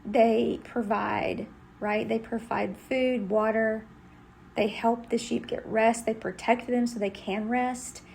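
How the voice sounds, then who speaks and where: A woman's voice: fairly high pitch, steady tone, slow, vocal fry, darkish tone, a little hiss or hum. A middle-aged woman from Texas, giving an earnest, conversational devotional Bible teaching.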